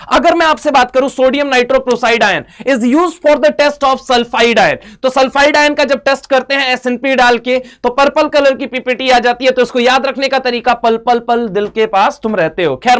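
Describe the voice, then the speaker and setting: A man teaching a chemistry exam-prep lecture in a lively way, with an Indian accent, asking and answering his own questions and mixing in English terms. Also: very high-pitched, clean tone. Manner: energetic, asks and answers his own questions, calls students "beta"; mixes Hindi with English terms, uses mnemonics and jokes.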